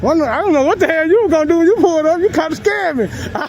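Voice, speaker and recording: A man's voice: extremely high pitch, very fast, a little mellow, a little hiss or hum, low-quality recording. A man filming police on a public sidewalk, taunting and mocking them in confrontational street talk, laughing often, picked up by the handheld camera he films with.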